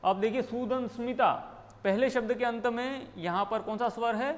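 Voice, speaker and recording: High-voiced Rajasthani man teaching grammar. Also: normal speed, long reverb tail. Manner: explains step by step, asking and answering his own questions. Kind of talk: Hindi grammar lesson.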